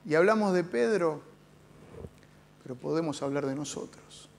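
A man's voice: fairly high pitch, lively intonation, normal speed, gravelly. A man with an Argentine accent, a pastor preaching a sermon as dramatic storytelling with rhetorical questions. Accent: Argentine Spanish.

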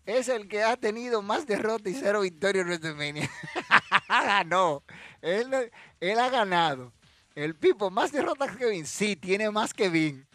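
A high-pitched man runs a trivia stream. He talks in a lively, swooping way and teases viewers as he reads their answers. Faint music plays behind him. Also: moderate pace, no room sound. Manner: animated, teasing, answers chat directly. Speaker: livestream host running a wrestling trivia quiz. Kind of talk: casual live chat reading viewer comments.

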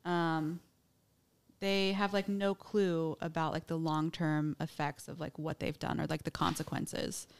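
Chatty woman, smooth and lowish. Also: level tone, measured pace. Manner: chatty, many "like"s and "um"s, laughs easily. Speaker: podcast host. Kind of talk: casual chat, retelling a true crime case.

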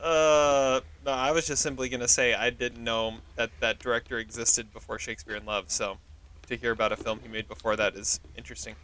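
Bright clear-voiced man reviewing films. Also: mid-range voice, fairly quick. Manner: relaxed storytelling, explains step by step. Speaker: podcast co-host. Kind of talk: casual movie review chat.

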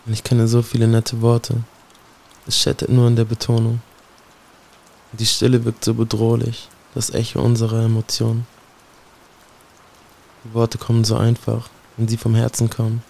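A man's voice: medium pitch, completely flat delivery, moderate pace, creaky, pauses often, darkish tone, slight background noise. A man performing a spoken-word poem in a solemn, brooding way, speaking directly to someone he addresses. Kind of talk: spoken-word poetry recitation.

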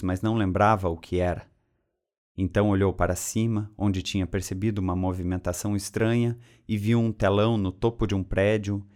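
A man reading a story aloud in a steady, even way. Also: on the low side. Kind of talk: reading fan fiction aloud.

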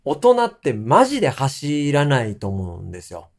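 A man's voice: mid-range voice, huge pitch swings, normal speed. A man hosting a casual morning talk show, asking playful teasing questions. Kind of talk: casual chat.

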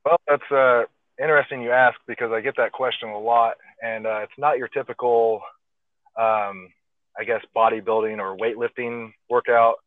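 A man, an arm wrestler, explaining his training in a relaxed way with lots of fillers, speaking over a phone call. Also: mid-range voice, moderate pace, no echo. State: slightly out of breath. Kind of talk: casual interview over phone. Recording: tinny phone line, dry.

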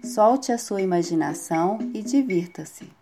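A woman's voice: medium pitch, lively intonation, measured pace. A Brazilian woman hosting a podcast, reading a scripted introduction. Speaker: podcast host. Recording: music bed under the voice. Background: music.

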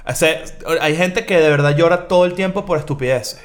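A man's voice: fairly high pitch, brisk. Blunt, opinionated man. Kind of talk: casual chat.

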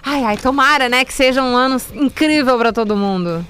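A woman with a Rio Grande do Sul accent hosting a lively FM call-in show, chatty and affectionate with callers. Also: sits high, a little fast, clean tone. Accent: Rio Grande do Sul Brazilian Portuguese. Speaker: radio host.

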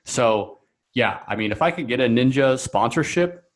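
A man's voice: mid-range voice, animated, moderate pace. A man guest on a podcast, talking casually and rambling with many fillers and restarts. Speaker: coaching client guest.

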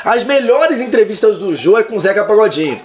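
A lawyer in his 30s chats casually as a podcast guest, animated and telling jokey stories. His voice is high-pitched and brisk.

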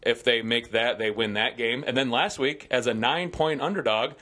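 A man's voice: mid-range voice, normal speed, pushed and bright. A man with a Midwestern American accent, co-hosting a sports podcast and confidently giving his football picks in casual banter. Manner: confident, chatty betting analysis. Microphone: studio podcast microphone.

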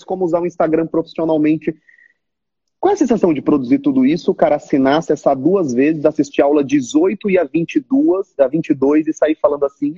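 A Brazilian man who runs an online course, talking to his subscribers on a live stream in a lively, direct way. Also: fairly high pitch, breathy edge, highs cut off. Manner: animated, talks straight at viewers, mimics complaining students.

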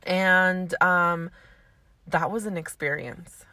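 A woman's voice: fairly low pitch, fairly even intonation, slow pace, sharp tone, dry recording. A young woman co-hosting a podcast, telling stories casually with fillers and laughter. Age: young adult. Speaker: podcast co-host. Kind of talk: casual chat.

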